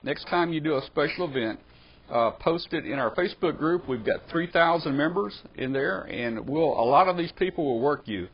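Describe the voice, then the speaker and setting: A man's voice: a little high, lively intonation, normal speed, slightly rough. A man hosting a live ham radio webcast, talking in an easygoing way with many trailing fillers. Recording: slightly dull webcast audio with faint noise.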